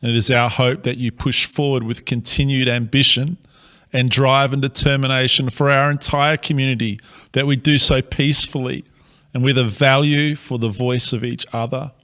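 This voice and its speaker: Speaking to his city, an Australian pastor delivers a slow, earnest, measured message. The mid-range voice holds a steady, fairly bright tone.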